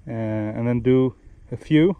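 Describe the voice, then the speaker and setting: A young man gives relaxed, explanatory fishing tips outdoors by a lake, often restarting and correcting himself mid-sentence. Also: medium pitch, unhurried, clear, resonant tone, no room sound, phone-quality sound. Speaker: fishing vlogger. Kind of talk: casual instructional talk while fishing.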